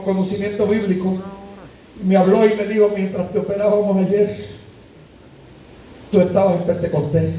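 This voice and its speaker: The audio is dull, and the pastor's high-pitched voice comes across mellow, with a Puerto Rican Spanish accent. He delivers an emotional, sometimes tearful sermon testimony in the church sanctuary as the congregation responds, all recorded from far off amid heavy echo.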